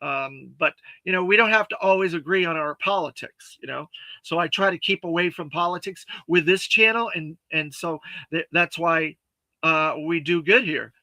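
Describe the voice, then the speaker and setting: A man hosting a toy review livestream, chatting casually and reading viewer comments, halting with many fillers and thanking viewers earnestly. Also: fairly high pitch, pushed and bright, no echo. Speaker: toy review show host.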